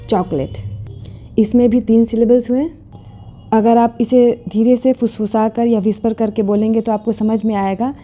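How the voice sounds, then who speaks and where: A woman teaching an English lesson, explaining and slowly reading out definitions and repeating example words. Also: fairly high pitch, mellow.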